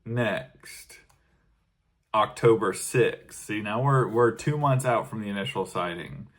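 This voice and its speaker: A low-pitched man chatting on a comedy podcast, with a deep, steady voice. He reads out news items in a deadpan way and breaks off for dry jokes. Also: slow. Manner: deadpan, reads news clippings aloud with wry asides. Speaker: podcast co-host. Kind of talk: casual comedic podcast chat.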